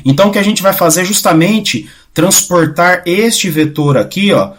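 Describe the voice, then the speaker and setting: A man giving a casual math lecture, often checking in with his students and restarting phrases, going quieter while he draws. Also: high voice, animated, moderate pace. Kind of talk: informal recorded lecture.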